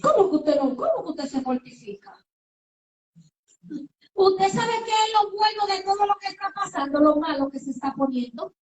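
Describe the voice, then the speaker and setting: A woman's voice: very high-pitched, lively intonation, normal speed. A woman preacher giving a sermon. She speaks emphatically, asks rhetorical questions and acts out little dialogues. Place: church sanctuary. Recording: echoey room, voice from far off the mic.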